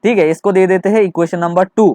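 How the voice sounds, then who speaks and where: A man's voice: sits high, fairly even intonation, quick pace, mellow, no echo. A male physics teacher working through a problem for students, repeating his checks, asking rhetorical questions and mixing in English terms. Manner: mixes English terms into Hindi.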